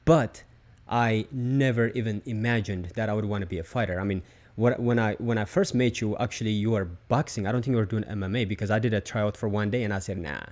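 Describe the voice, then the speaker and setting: A man's voice: lowish voice, fast, a little mellow. A man hosting a podcast, asking questions in a hesitant, filler-heavy way. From outside the United States. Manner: hesitant, many fillers and restarts. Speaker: podcast host. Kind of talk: casual interview.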